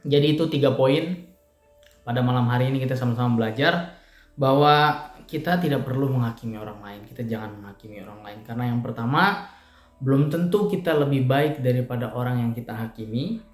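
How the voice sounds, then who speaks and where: A man's voice: medium pitch, a little fast. A man giving a casual evening devotional talk in a church, explaining with everyday examples in a conversational way. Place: church room. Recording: echoey room with faint music.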